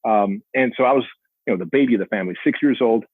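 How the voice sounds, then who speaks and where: Appearing as a podcast guest, this Armenian-speaking man in his forties, raised in an Armenian family in the Soviet Union, earnestly recounts his life in a storytelling interview. He talks at a quick pace with a husky, medium-pitched voice. The recording is dry and tinny, like a phone line.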